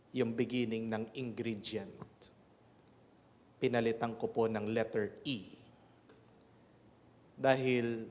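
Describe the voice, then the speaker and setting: A Filipino-accented man, a priest, speaking at Mass in a measured, deliberate way with cathedral echo. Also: mid-range voice. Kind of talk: liturgical reading and homily. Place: large reverberant church.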